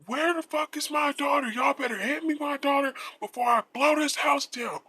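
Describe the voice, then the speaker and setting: A young woman imitating her angry military father as he shouts threats. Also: sits high, moderate pace, no room sound, voice pushed up. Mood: threatening. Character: angry military dad with a big gun.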